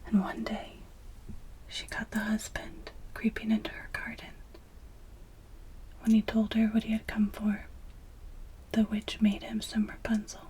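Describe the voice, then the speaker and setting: A woman reads a fairytale as ASMR in a breathy, unvoiced whisper, very close to the ear. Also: fairly high pitch, monotone, unhurried, pauses often, warm tone, rough recording. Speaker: storyteller. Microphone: close ear-to-ear microphone.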